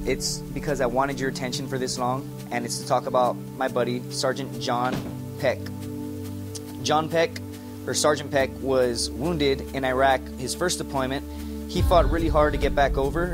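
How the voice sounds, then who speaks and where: A young man telling a story to camera in an animated, profane way, calling the listener "dude" over and over. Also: a little high. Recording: echoey room with music behind.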